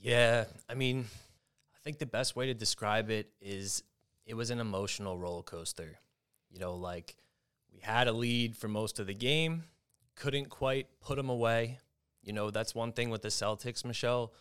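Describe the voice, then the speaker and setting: A young adult man hosting a casual sports betting talk show, telling stories in an animated, excitable way. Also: mid-range voice, moderate pace, clear, resonant tone. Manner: animated storyteller, excitable, mimics shouting. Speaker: host.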